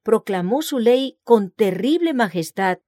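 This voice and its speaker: A woman giving a measured, solemn scripted narration of a religious book, reading out scripture citations. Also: fairly high pitch, expressive, mellow, no room sound, studio quality.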